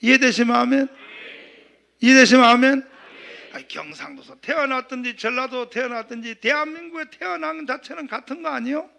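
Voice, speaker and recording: Male pastor from southeastern Korea, middle-aged, high gravelly voice, animated sermon delivery. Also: fairly quick. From Gyeongsang region, South Korea. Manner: animated, acts out quoted voices, calls for amens.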